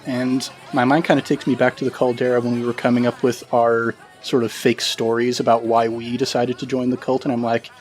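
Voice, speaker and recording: A man chats casually as a player in a tabletop game. His pitch is average and stays very even as he describes what his character does. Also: a little fast, few pauses, faint music behind, some chatter behind.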